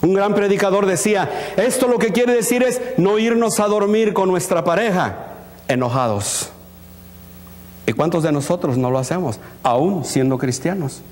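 A pastor preaching a sermon in a church, asking the congregation questions, acting out little scenes and slipping in English words. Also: male voice, sits high, moderate pace. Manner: animated, asks the congregation questions and acts out scenes. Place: church hall. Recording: long reverb of a church hall.

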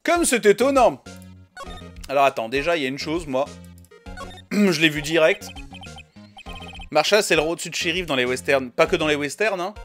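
A man giving lively, chatty let's play commentary while reading a video game. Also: a little high, brisk, long pauses. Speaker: gamer. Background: game music.

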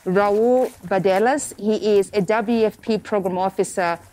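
A woman's voice: medium pitch, measured pace, darkish tone. A woman presenting a documentary, her voice muffled by the face mask she is wearing.

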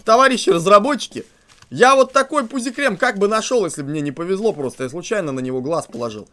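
Man, game commentary, high voice that leaps up and down, crude jokes, yells at the character. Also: quick pace. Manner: excitable, swings from mumbling asides to shouting. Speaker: game streamer. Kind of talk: let's play commentary.

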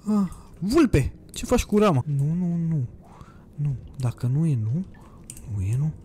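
A man's voice: a little high, expressive, slight background noise. A young man playing a horror game on a desk microphone, commenting casually, swearing and yelping when startled. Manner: jumpy, swears a lot, yelps and shouts when scared. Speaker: gaming streamer. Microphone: desk USB microphone.

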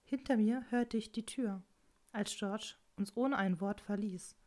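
Female audiobook narrator, calm, intimate first-person reading. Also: medium pitch, measured pace. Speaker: audiobook reader.

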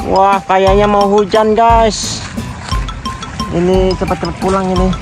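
A man's voice: high-pitched, steady tone, a little slow, music in the background. A man chatting casually in short, offhand remarks for a night vlog, filmed outdoors on a handheld phone. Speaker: vlogger, adult accompanying a child. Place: outdoors on rural paths and fields at night.

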